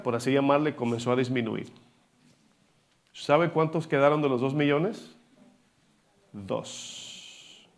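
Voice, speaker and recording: A male pastor preaching a sermon, animated and asking the congregation rhetorical questions. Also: fairly high pitch. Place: church hall.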